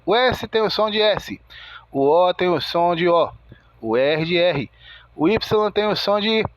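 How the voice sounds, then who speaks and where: A man teaching English in a video lesson, explaining slowly and methodically and spelling out sounds word by word. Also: high voice, lively intonation, no echo.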